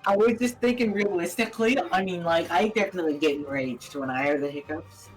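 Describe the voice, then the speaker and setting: Low-voiced woman player asking about the rules. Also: fairly quick, faint music behind, poor audio. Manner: unsure, asks rule questions, self-correcting. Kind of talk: casual chat at the gaming table.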